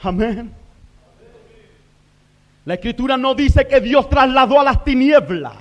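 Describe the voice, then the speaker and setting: A male minister preaching a fervent sermon to a congregation in a church, shifting between quiet passages and shouted declarations, with rhetorical questions to the listeners. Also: extremely high pitch.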